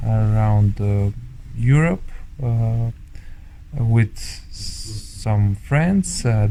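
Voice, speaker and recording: A man from Bulgaria with a Bulgarian accent, answering interview questions in English in a hesitant way with many pauses and fillers. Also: fairly low pitch, mellow, a little hiss or hum. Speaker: interview guest.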